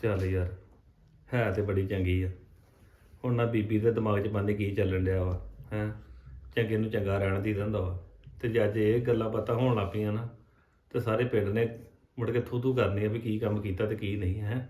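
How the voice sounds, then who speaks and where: A man's voice: on the low side, steady tone, normal speed, a little mellow, roomy sound, lightly acted. A man acting a husband caught between his mother and his wife, soothing her and often asking for agreement. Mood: weary. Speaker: husband in a family drama. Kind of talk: scripted domestic drama acting.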